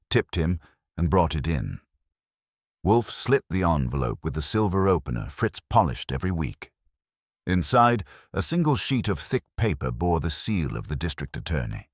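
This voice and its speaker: A man reads a detective story in an extremely low, husky voice, his pitch moving in an animated way at a moderate pace. The audiobook-style recording is dry and close, with no room sound.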